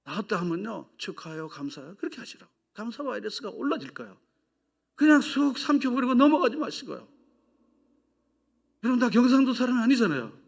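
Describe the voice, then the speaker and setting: A male pastor preaching a sermon, shifting between loud exhortation and hushed whispers, asking the congregation questions and leading them in repeating phrases. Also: very high voice, very animated, brisk, creaky, long pauses. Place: church sanctuary.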